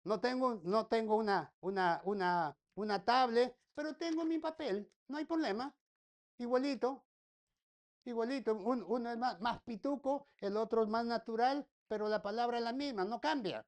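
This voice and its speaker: A woman's voice: a little high, moderate pace, darkish tone. A woman pastor preaching a sermon, repeating her points and tossing rhetorical questions and folksy joking asides to the congregation.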